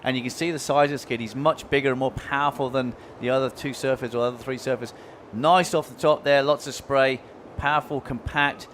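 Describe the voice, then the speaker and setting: A man's voice: medium pitch, fairly even intonation, fairly quick, few pauses, a bit bright, slight background noise. A man giving conversational live surfing analysis in a laid-back, informal way. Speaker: surfing colour commentator.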